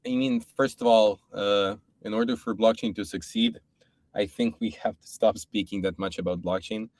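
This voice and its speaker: A man's voice: fairly low pitch, fairly even intonation, moderate pace, a little mellow, dry recording. A man from Serbia, a podcast guest, talking in a casual, thoughtful way with many restarts. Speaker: podcast guest, startup co-founder. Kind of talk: casual chat.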